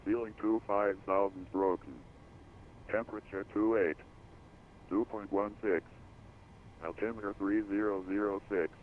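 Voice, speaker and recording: A man's voice reading an automated airport weather broadcast over the radio, in a flat, clipped way through codes and numbers. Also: lowish voice, unhurried, pauses often. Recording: tinny radio band over faint hiss.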